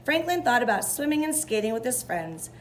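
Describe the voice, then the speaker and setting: A woman reads a children's story aloud in an expressive way. Her voice sits fairly high and swings widely in pitch. There is background noise in the recording. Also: fairly quick. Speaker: storybook reader.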